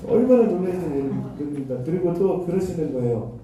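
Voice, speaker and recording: A man's voice: on the high side, lively intonation, fairly quick, warm tone, slight background noise. A man who is a pastor, telling a self-deprecating story in his sermon. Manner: self-deprecating anecdotal storytelling with acted quotes. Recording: echoey hall, mic far off.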